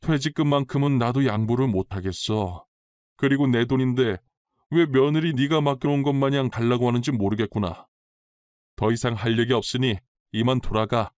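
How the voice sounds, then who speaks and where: A man's voice: mid-range voice, normal speed, a little mellow, no room sound, studio quality, close to an everyday voice. A man voicing a stern older mother-in-law. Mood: firm. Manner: firm and scolding. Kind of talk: storytelling drama reading.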